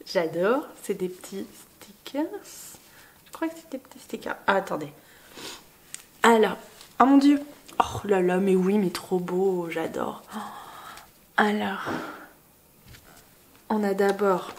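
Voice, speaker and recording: A young woman vlogging casually, excitedly gushing over a book gift she unboxes. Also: medium pitch, a little hiss or hum. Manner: gushing, excitable, many exclamations.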